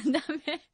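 Playful high-voiced woman radio host. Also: pushed and bright, dry recording, studio quality. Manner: playful, teasing, laughs often. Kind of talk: casual studio chat. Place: radio studio.

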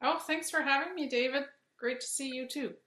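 A woman's voice: sits high, fairly quick, bright, forceful tone. A woman speaking as a podcast guest, earnest and conversational. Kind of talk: casual interview chat. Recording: roomy echoey sound.

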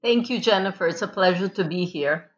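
A woman's voice: on the low side, fairly quick. A woman from Italy speaks as a guest on a podcast interview. She talks thoughtfully, with frequent fillers and restarts. The audio sounds a little dull and lo-fi. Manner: thoughtful, many ums and restarts. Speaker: history professor, guest author.

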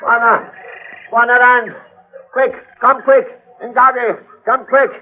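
A man's voice: very high voice, level tone, slow pace, soft background music. A man playing a frantic jungle guide who calls out in broken, clipped speech. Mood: urgent. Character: frantic male jungle guide, urgent and loud. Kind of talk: 1940s radio acting. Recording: tinny old radio broadcast recording.

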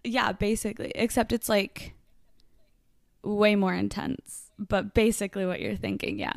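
Gravelly-voiced woman podcast co-host. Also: medium pitch, steady tone, measured pace, no room sound, studio quality. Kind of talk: casual chat.

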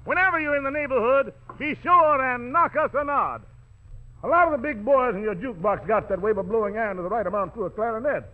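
A man with a very high-pitched voice speaks quickly as he announces music on 1940s radio. His patter is slangy, playful and rhyming, in a hipster jive-talk style. The recording has a tinny, old 1940s radio sound.

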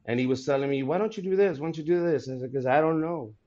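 A man in his forties, a comedian, chatting casually and telling stories in an animated, laughing way. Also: on the high side, racing, dull audio. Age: 40s. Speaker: comedian guest. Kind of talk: casual podcast chat.

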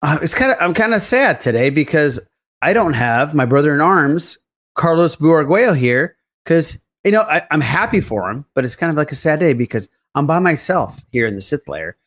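This man hosts a podcast and trades casual, friendly banter with his co-hosts, addressing them as buddy in an animated, chummy way. His voice is a little high and moves at a moderate pace.

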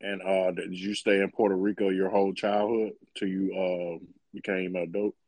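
A man hosting a podcast, asking loose, relaxed questions with many fillers in a casual interview. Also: low-pitched, normal speed, dry recording, rough recording. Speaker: podcast host.

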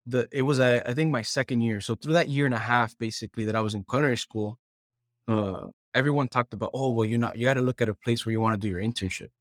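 Speaking quickly in a mid-range voice, a Puerto Rican chef and culinary director tells casual stories as an interview guest, often quoting himself and others along the way. The sound is studio quality, without room sound.

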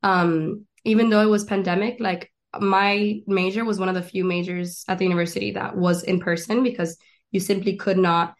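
Young woman guest, everyday mid-pitched voice, rambling and eager, keeps restarting her sentences. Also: steady tone, moderate pace. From Miami and Argentina. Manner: chatty and eager, lists things, frequent restarts. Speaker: guest, actress and stand-up comedian. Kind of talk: casual interview chat.

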